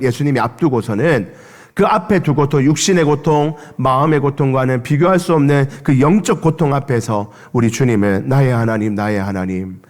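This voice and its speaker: A man preaching a Sunday sermon as pastor in a church, impassioned, rising and falling sharply in pitch and loudness as he leads the congregation in reading aloud. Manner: impassioned, with dramatic swings of pitch and level. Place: church sanctuary. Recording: long church reverb.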